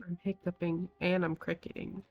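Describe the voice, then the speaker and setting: A man's voice: high-pitched, little pitch movement, normal speed, highs cut off. A man chatting while playing a game with a friend, telling a funny family story with casual swearing, faint game music behind. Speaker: co-op gaming partner. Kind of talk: casual gameplay chat.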